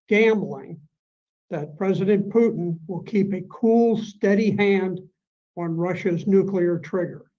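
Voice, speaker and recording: A man delivering a measured, dramatic prepared speech as a conference speaker. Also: high voice. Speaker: panel speaker. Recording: dull lo-fi sound.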